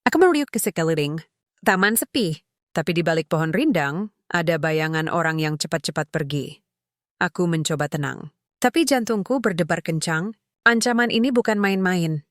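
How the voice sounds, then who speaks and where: A woman telling a first-person story in a measured, emotional storytelling manner. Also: lowish voice, no echo, clean studio sound. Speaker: narrator.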